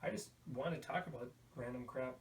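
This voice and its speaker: A fairly quick-talking man with a mid-range voice rambles through show-and-tell on his casual video podcast, joking in a crude, irreverent way. The setting is an indoor room at home, picked up on a distant mic with a roomy sound and faint background noise.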